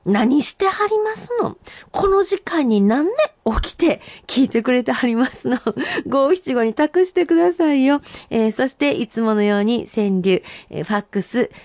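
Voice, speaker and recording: Lively Kansai-accented woman radio host. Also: no echo, clean studio sound. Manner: lively, playful, recites poems slowly with big pitch jumps. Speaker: radio host reading listener haiku. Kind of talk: radio show, reading listener senryu.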